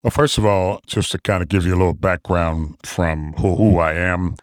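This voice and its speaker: Deep flat-voiced New man. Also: no echo, studio quality. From New York City, Queens. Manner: measured, reflective, with many fillers. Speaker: guest, trauma surgeon. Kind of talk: interview conversation.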